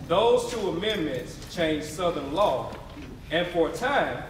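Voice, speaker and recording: On a theatre stage, a man acting as narrator gives an emphatic, declamatory readers theatre oration in a preacher-like call-and-response style to an audience that answers back. His voice is on the high side and very animated, yet he takes it slowly. The live hall is very echoey, the mic is distant, and there's background noise.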